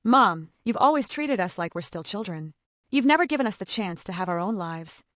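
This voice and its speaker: A woman's voice: medium pitch, lively intonation, moderate pace, fairly bright tone, no echo, studio quality, lightly acted. A woman voicing a grown son who speaks to his mother in a firm, direct way. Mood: resolute.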